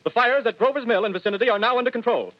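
A radio news announcer in the old newsreel manner, urgent and clipped. The voice is high and quick, formal in every phrase. It comes through a dull, dry 1930s broadcast recording. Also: male voice, no echo. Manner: clipped formal bulletin delivery.

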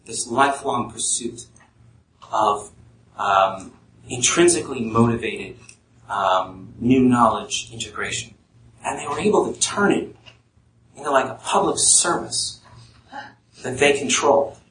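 A man's voice: animated, a bit bright. A man playing a nervous, fearful catastrophizer who keeps raising worried questions, heard from a distance in an echoey room. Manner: nervous, halting, pitching up with worry. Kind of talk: live speech role-play. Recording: echoey room, mic at a distance, faint noise.

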